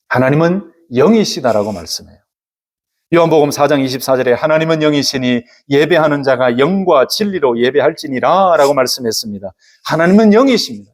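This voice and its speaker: A man preaching a sermon as pastor of a church, animated and expressive, acting out surprised voices. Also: on the high side. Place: church service.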